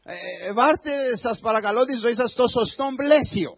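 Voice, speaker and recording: A man pastor giving a sermon, building to loud, impassioned preaching. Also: very high-pitched, expressive, slightly rough, dry recording, dull audio. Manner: preaching with a rising voice, shouting at times.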